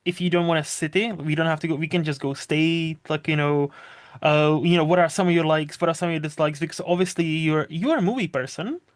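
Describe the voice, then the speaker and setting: Chatty Czech-accented podcast host, dry sound. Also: male voice, a little high, fairly quick, no room sound. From Czech Republic. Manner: rambling, chatty, swears casually. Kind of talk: casual podcast chat.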